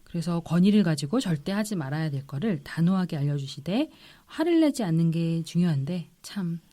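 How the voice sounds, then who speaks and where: A woman child psychiatrist on a podcast, giving calm, measured parenting advice. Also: fairly low pitch. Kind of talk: podcast expert explanation.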